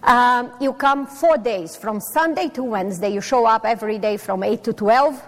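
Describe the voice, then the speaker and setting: A middle-aged Brazilian woman with a Portuguese accent gives a personal talk to a live conference audience, chatty and self-deprecating, pausing on fillers. Her voice is fairly high for a woman, and the conference hall's long reverb trails after each phrase.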